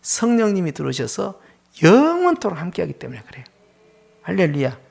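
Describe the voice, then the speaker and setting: A male pastor preaching a prayer-meeting sermon, firing rhetorical questions at the congregation, prodding them with "eh?" and dropping to a hushed near-whisper on key words. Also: high-pitched, wildly swooping pitch, a little fast, creaky, slightly rough.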